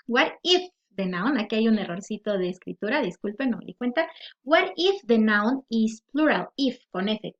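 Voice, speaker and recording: Patient teacher woman, lo-fi sound. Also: medium pitch. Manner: patient, explains slowly with checking "¿ok?". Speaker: English teacher. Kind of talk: online grammar lesson. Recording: dull lo-fi audio.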